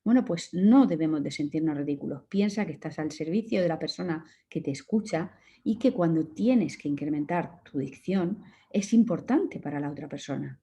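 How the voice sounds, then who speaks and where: Calm and instructive, a communication course instructor from Murcia, Spain offers direct advice during an online lecture. She has a Murcian Spanish accent and a voice on the low side.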